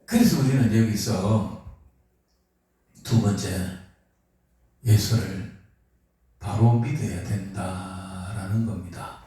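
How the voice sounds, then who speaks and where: A man's voice: fairly low pitch, slow pace, pauses often. A man preaching a sermon as pastor, asking his congregation questions as he goes. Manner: lively, asks the congregation questions. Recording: echoey hall, mic far off.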